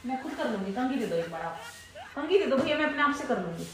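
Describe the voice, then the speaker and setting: A middle-aged woman at a hair salon, loudly scolding the barber and calling him names. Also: sits high, big pitch swings, fast, very noisy. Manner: loud, scolding, calls people names. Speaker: salon customer in a prank video. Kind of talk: scolding, angry complaining. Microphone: far camera. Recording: echoey room from far off.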